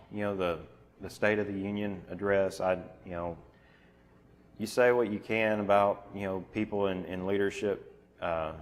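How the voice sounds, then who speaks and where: A man preaching an informal sermon in a church, talking in halting bursts full of restarts and fillers. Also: low-pitched.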